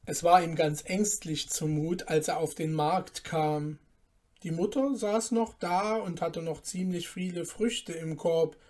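Slow, calm woman reading a fairy tale. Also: fairly low pitch. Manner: calm, measured storytelling. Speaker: narrator. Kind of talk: storybook reading.

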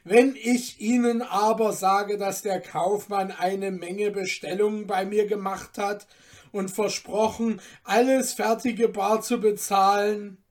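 A desperate craftsman father who begs loudly and earnestly, as read by a woman. His voice stays in a plain middle range, pushed with urgency. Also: mid-range voice, fairly even intonation, takes it slowly, natural voice. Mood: pleading. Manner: pleading, loud. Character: poor male knife-smith father, begging.

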